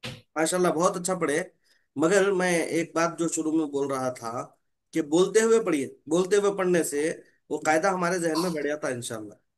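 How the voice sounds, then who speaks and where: A male religious reading teacher running an online class, patiently modelling and correcting syllables slowly. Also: fairly high pitch.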